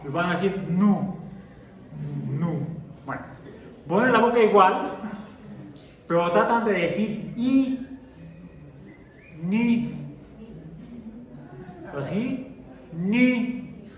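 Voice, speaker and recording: A man's voice: high voice, animated, very slow, pauses often. A middle-aged man teaching a science class, chatty and jokey, asking his students questions as he lectures. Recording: echoey classroom from far off, faint noise.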